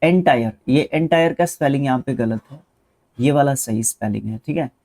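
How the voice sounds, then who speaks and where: A man's voice: medium pitch, normal speed, a little mellow. A male teacher explains a spelling test in casual Hindi, spelling English words letter by letter and correcting himself.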